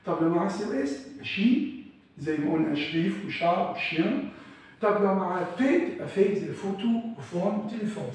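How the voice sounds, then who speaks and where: A man with an Egyptian Arabic accent teaches a French lesson. He repeats each word slowly and keeps quizzing the class with questions. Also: high-pitched, animated, a little mellow, recorded from a distance. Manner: drills words by repeating them slowly. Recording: echoey room, voice from afar.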